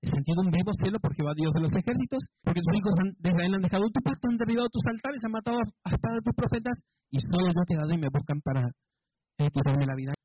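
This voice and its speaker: A man's voice: high voice, lively intonation, rapid-fire, husky, dry recording. A man voicing the prophet Elijah, a weary, complaining male prophet, in an earnest, pleading recital, on a dull, dry, lo-fi recording.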